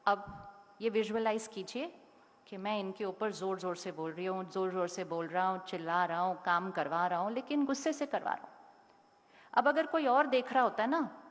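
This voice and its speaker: A woman's voice: mid-range voice, normal speed. A woman giving a talk to a school audience, asking them questions and telling them what to do. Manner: directly questions and instructs the audience. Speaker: motivational speaker. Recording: long hall reverb.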